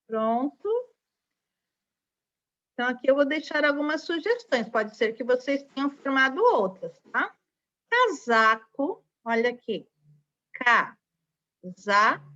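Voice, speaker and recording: A woman's voice: high-pitched, expressive, unhurried, pauses often, fairly bright tone. A woman with a Brazilian Portuguese accent teaching a recorded online lesson to young children, patient and spelling out syllables. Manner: patient, spells out syllables, frequent tag questions. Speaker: primary school teacher. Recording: dull lo-fi recording.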